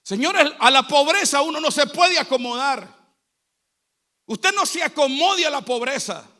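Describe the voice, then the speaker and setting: A male pastor with a Central American Spanish accent delivers a sermon, his voice sitting unusually high for a man. The tone is piercingly bright and sharp, and he drives his points home through repeated exhorting phrases. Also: animated, a little slow. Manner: exhorting, repetitive preaching cadence.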